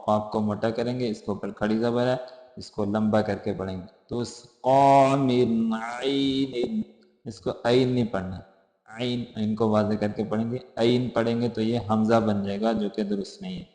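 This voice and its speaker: A male Quran teacher giving a tajweed lesson, chanting each verse slowly and then briskly explaining how to pronounce it. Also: lowish voice, fairly even intonation, mellow. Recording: roomy echo with long reverb.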